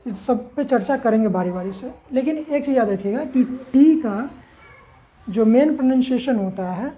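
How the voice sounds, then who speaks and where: Woman teacher, mellow higher voice, spells out words, quizzes the listener. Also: lively intonation, moderate pace, low-quality recording. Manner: spells words letter by letter and keeps asking rhetorical questions. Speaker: English teacher. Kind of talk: classroom-style lesson.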